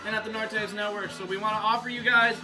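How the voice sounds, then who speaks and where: A man hosting a casual live cooking stream, loose and excitable, swearing freely and reading viewer comments aloud. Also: high voice, fast, over music.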